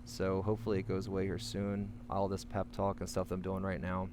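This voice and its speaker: A man talking candidly to camera with advice while in an anxious, panicky state, halting and rambling as he corrects himself. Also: low voice, monotone. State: in the midst of a panic attack, anxious. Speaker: vlogger sharing panic attack coping advice. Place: outdoors. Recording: clearly noisy, humming background.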